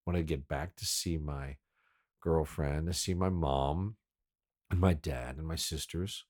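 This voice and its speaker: A man's voice: rumbling low, unhurried, darkish tone. A man in his sixties from Baltimore, hosting a radio show and rambling fondly through memories, often correcting himself. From Baltimore, United States. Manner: rambling, self-correcting, fond storyteller. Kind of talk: rambling reminiscing monologue.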